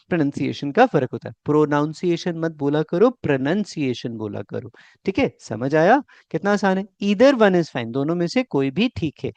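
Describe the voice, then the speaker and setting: A man teaching spoken English, drilling English phrases slowly and checking often whether students follow. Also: on the high side, a little mellow, no room sound. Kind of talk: bilingual Hindi-English lesson. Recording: dull, dry lo-fi sound.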